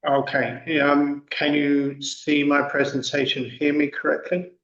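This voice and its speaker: A man presenting academic research at an online conference, halting, with long pauses. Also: on the high side, level tone, fairly bright tone. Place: indoors, online video conference call. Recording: roomy, distant, dull online call audio.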